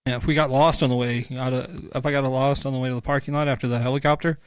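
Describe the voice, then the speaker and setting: A man with a middle-pitched voice trading easy jokes on a casual home podcast. His delivery is relaxed and the recording is dry and close. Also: fast talker, smooth, no echo. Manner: easygoing, joking. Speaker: podcast co-host. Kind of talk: casual chat. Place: home room.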